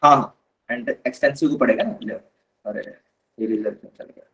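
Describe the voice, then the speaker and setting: A man's voice: mid-range voice, moderate pace, a bit bright, breathy edge, highs cut off. A man teaching a live online chemistry lesson, patiently explaining step by step and calling his students kids.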